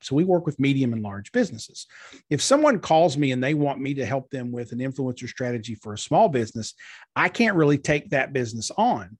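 Husky-voiced man explaining. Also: medium pitch, no echo, clean studio sound. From eastern Kentucky, USA. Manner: earnest, explanatory, with frequent fillers. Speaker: guest, marketing strategist. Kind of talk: conversational interview.

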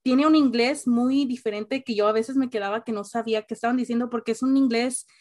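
A woman hosting a podcast in casual conversation, chatty and quick to laugh, dropping English words into her speech. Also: on the high side, steady tone, darkish tone. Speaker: podcast host.

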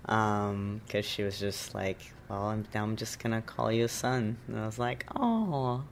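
Low, gravelly man. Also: measured pace, a little hiss or hum. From Brazil. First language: Portuguese. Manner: thoughtful, searching for words, laughs lightly. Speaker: oral history interviewee. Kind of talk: reflective personal interview.

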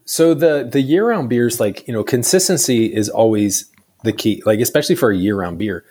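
A man's voice: medium pitch, moderate pace, a little mellow, slightly rough. Chatty man with a mid-range voice. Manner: loose and chatty, full of "like" and "you know". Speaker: brewery staff guest. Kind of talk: casual interview answers.

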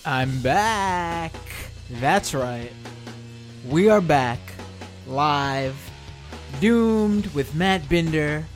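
An American man with a hoarse, worn-out voice hosts a live stream, talking casually and haltingly, repeating phrases for emphasis. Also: a little high, lively intonation, faint music behind. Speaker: live stream show host.

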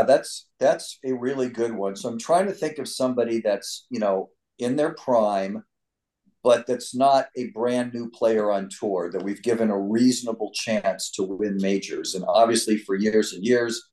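A man's voice: mid-range voice, measured pace, mellow. Dry-witted older man co-hosting a sports podcast. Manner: dry and wisecracking, thinking aloud. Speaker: podcast co-host. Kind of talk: casual sports podcast chat.

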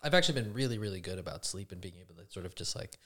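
A man in casual conversation, musing reflectively in halting phrases. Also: sits low, animated, a bit bright. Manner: reflective, halting, many "like" and restarts.

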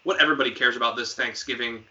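A man's voice: medium pitch, fairly even intonation, sharp tone, dull audio. A man co-hosting a podcast, chatting casually about football, quizzing his co-host and tossing in jokes. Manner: quizzing, joking, quick asides. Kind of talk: casual sports chat.

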